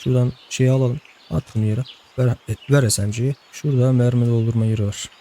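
A man's voice: medium pitch, fairly even intonation, fast talker, mellow, slight background noise. A young man giving casual let's-play commentary, chatting to the game's characters and laughing often. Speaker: gameplay host.

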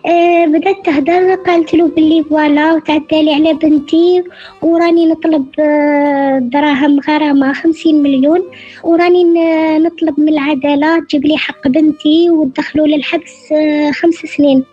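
A middle-aged woman with an Algerian accent, calling in over the phone and telling her story haltingly, with many hesitant fillers. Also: high-pitched, steady tone, mellow, faint music behind. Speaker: caller. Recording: dull phone line.

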